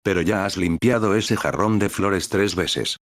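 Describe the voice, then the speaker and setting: A male reader voicing a cheeky young woman guild worker in an even synthetic read. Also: low voice, unhurried, no room sound, clean studio sound.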